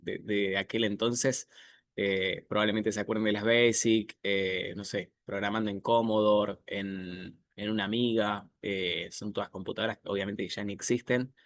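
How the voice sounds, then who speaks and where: A man in his thirties from Argentina with an Argentine accent, giving a relaxed online presentation over a video call with many filler pauses. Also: fairly low pitch, no room sound. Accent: Argentine Spanish. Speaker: guest speaker, software architect.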